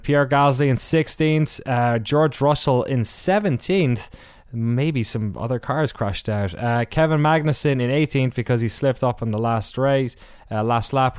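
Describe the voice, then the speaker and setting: A man with a smooth, resonant voice, recorded close and dry, recaps a race in casual podcast chat. He rambles and restarts, filling gaps with "uh" and "um". Now and then he drops in a wry aside. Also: mid-range voice, a little mellow, no echo. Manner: rambling with many fillers and restarts. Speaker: podcast host.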